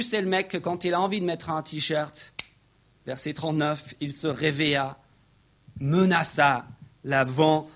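Male pastor, emphatic sermon delivery, unhurried, slightly high voice. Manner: emphatic preacher, reads verses aloud, rises to excited peaks.

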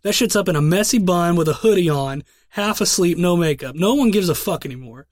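Young man, podcast co-host, profane rambling storyteller, high pitch, dry close mic. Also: expressive, fairly quick, dry recording. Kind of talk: casual crude chat.

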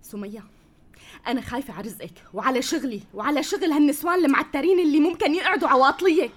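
A high-voiced woman with a Levantine Arabic accent, rattling along very fast as a worried, nagging partner, played by an actress. She urges and pushes without pause. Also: natural voice. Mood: worried urging. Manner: urgent, nagging. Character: worried, pushy workshop partner.

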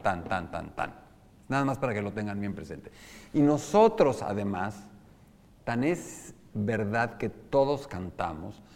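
A man's voice: fairly low pitch, darkish tone, slight background noise. Mexican man lecturing in an echoing hall. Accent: Mexican Spanish. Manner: explains with sung and spoken examples, asks the audience questions. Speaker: lecturer on opera. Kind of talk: informal lecture to a live group. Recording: long hall reverb.

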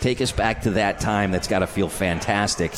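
Lowish-voiced male sports radio host. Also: moderate pace, a crowd in the background. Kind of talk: conversational interview. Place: bar and grill live broadcast.

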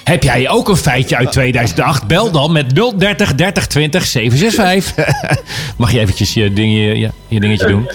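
A man's voice: medium pitch, lively intonation, normal speed. A man hosting a local radio show from the studio, chatting in a bubbly way and laughing often. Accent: Dutch. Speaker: radio host. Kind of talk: lively local radio chat.

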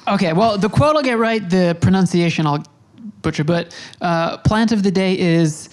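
A woman hosting a casual interview podcast. She asks her questions haltingly, with many fillers and restarts. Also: fairly low pitch, a little hiss or hum. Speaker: podcast host.

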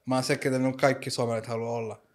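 A man's voice: mid-range voice, level tone. Casual young man in slangy chat, mixes in English phrases, keeps on going. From Finland. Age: young adult. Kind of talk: casual conversation.

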